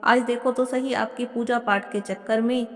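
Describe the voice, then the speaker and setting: A woman's voice: on the high side, fairly even intonation, normal speed, lightly acted. A woman voicing a proud, dismissive young daughter-in-law who scorns worship in a devotional story. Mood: scolding. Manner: dismissive, defiant. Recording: long hall reverb.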